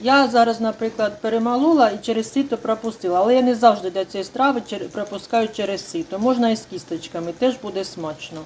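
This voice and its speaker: A middle-aged woman hosting her own cooking channel, calmly explaining a home recipe step by step in an unhurried, chatty way. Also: on the high side, a little hiss or hum. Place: home kitchen. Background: sizzling frying food.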